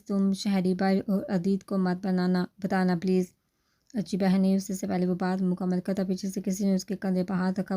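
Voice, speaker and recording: Woman, novel reader, mellow tone, fairly flat delivery, voiced dialogue. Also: mid-range voice.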